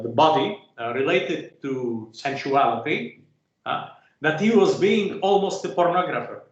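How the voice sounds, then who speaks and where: Halting male lecturer in an echoey room. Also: fairly high pitch. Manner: halting, many filler sounds, rhetorical "huh?" checks. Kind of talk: academic lecture.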